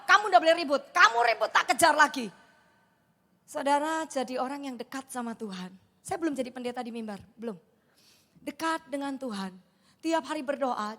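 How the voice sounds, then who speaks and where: A middle-aged woman preacher, delivering a sermon with animated storytelling and acted-out dialogue. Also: high-pitched. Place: large church hall. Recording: long hall reverb.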